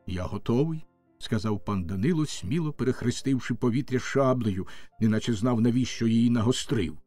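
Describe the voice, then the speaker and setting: A man narrating a classic tale in a dramatic, measured storytelling manner. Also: medium pitch, warm tone, no echo, faint music behind.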